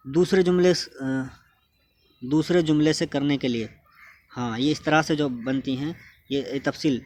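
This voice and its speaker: A man's voice: fairly high pitch, darkish tone, a little hiss or hum. Patient man teaching a grammar lesson. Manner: patient, asks and answers his own questions.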